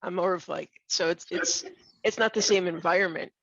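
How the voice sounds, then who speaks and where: A middle-aged woman who is losing her voice, speaking bluntly and candidly on a video call, often halting and restarting. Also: fairly low pitch, fairly even intonation, gravelly, fairly bright tone, dry recording, lo-fi sound. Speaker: webinar participant. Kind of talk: casual discussion on a video call.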